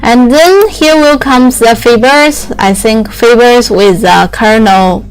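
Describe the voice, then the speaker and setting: Speaking at a fairly high pitch, a young native Chinese speaker walks through factory machinery in hesitant English, often restarting and using fillers. The recording quality is low.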